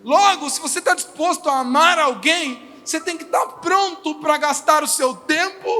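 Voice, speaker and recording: A male pastor preaching a lively sermon to his church, acting out the people he quotes. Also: very high voice, normal speed. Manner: animated, acts out quoted people in small voices. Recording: reverberant church hall with faint music.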